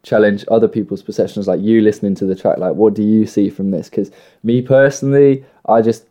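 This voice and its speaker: A man with a fairly low, dark and mellow voice talks casually. He explains himself in short, halting phrases. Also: steady tone. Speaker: musician. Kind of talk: casual conversation.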